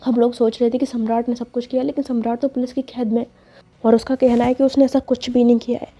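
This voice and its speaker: A woman's voice: a little high, flat delivery, fast, warm tone, faint music behind. Woman voicing an agitated, scolding father. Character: distraught middle-aged father, short-tempered. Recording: dull lo-fi recording.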